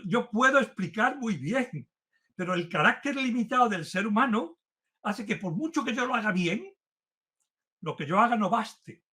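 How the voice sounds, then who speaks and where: Emphatic, fairly high-voiced male lecturer. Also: expressive, normal speed. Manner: earnest, emphatic, building intensity as he warms up. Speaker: philosophy lecturer. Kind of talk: university-style lecture. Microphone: remote talk to a virtual audience.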